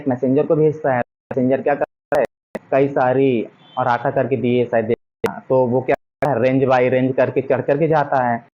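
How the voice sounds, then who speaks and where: Man lecturing a class, dull lo-fi sound. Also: mid-range voice. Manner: mixes English textbook phrases into casual Hindi explanation, many rhetorical questions. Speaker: teacher. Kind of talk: classroom lecture explaining a textbook. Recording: dull lo-fi recording.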